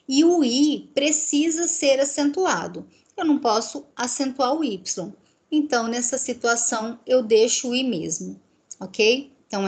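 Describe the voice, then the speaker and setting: Brazilian woman teaching Spanish grammar. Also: fairly high pitch. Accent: Brazilian Portuguese. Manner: explanatory, checks understanding often. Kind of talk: online class teaching.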